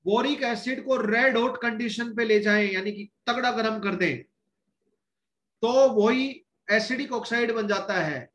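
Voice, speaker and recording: A man with a high voice lectures on chemistry. He works through each step and keeps asking his students rhetorical questions. The sound is roomy and echoing, like a bare classroom. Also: a little slow, a bit bright. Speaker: chemistry teacher.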